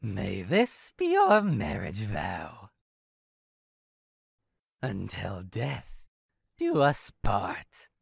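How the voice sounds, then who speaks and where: A woman's voice: a bass voice, wildly swooping pitch, very slow, vocal fry, pauses often, breathy edge, no echo, studio quality, exaggerated voice. A woman playing a playful, flirty demon jester for a visual novel horror game, teasing and sweetly menacing in a theatrical way. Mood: seductive, menacing. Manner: theatrical, teasing, swinging from singsong chirps to sinister purrs.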